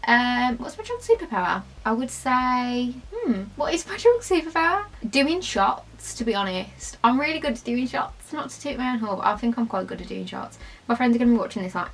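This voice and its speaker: A woman's voice: mid-range voice, creaky, a bit bright. A tipsy young British woman chatting casually and bluntly to camera in an informal question-and-answer style. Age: young adult. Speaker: vlogger.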